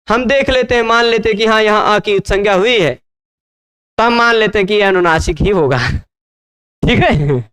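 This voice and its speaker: A man teaching grammar in a slow classroom lecture, spelling out syllables and often checking that students follow. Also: very high voice, pushed and bright, clean tone. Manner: patient, repeats syllables and checks understanding often.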